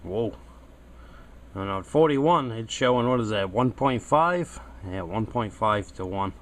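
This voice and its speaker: A hobbyist video host tests radio antennas in a casual, hands-on demonstration, unscripted and thinking out loud as he works. He has a lowish, animated voice and speaks a little slowly, with slight hiss or hum in the background.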